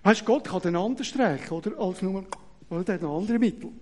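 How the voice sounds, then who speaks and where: A middle-aged man with a Swiss German accent preaching an animated, joking sermon that pulls the audience in, often tagging his sentences with "oder?". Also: sits high, fast talker. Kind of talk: lively sermon with audience demonstration.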